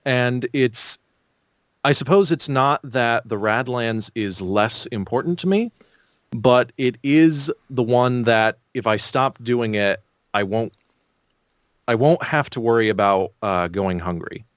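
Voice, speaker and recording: A man giving casual, explanatory answers as an interview guest, thinking aloud with measured pauses. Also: mid-range voice, no echo, studio quality.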